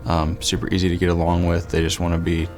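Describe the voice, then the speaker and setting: A man from Southwest Missouri chatting in a relaxed way about dental care in an interview, with many fillers. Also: deep voice, fast. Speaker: dental worker, scholarship nominee. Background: soft background music.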